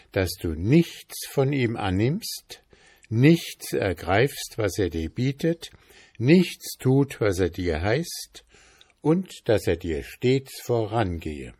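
A man voicing a village pastor in a folk tale, giving measured, earnest instruction. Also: mid-range voice, darkish tone, slightly rough, no room sound, studio quality, full character voice.

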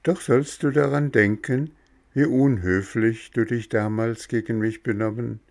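A man's voice: mid-range voice, fairly even intonation, a little slow, darkish tone, pitched above the performer's own voice, lightly acted. A man voicing a wise, stern little talking cricket in a storybook reading, with a lecturing, reproachful manner. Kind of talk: storybook narration.

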